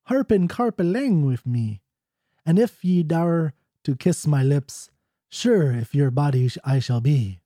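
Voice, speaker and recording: A man's voice: a little high, expressive, a little slow, mellow, dry recording, studio quality. A man voicing a regal fairy queen, reading her lines of an old ballad in a mock Scottish accent. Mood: lofty. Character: regal fairy queen, a woman, stately and commanding.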